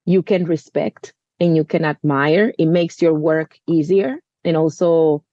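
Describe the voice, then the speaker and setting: A woman's voice: sits low, fairly even intonation, measured pace, warm tone, no echo, dull audio. Earnest woman from the Dominican Republic. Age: 30s. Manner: earnest, earnest, with frequent "you know" fillers. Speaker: guest. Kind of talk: conversational interview.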